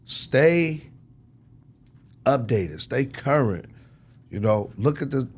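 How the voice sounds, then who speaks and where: Speaking slowly in a medium-pitched, animated voice, this American man is a music industry executive being interviewed. His advice comes across casual, emphatic and preachy, often punctuated by tag questions to make sure the listener keeps up.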